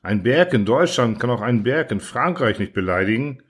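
A man's voice: medium pitch, lively intonation, brisk, husky. A man reading the lines of a stubborn, naive young soldier who plays dumb.

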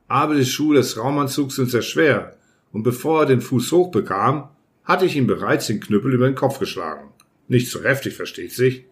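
A medium-pitched man narrates an audiobook in the first person, acting out the story with lively shouts.

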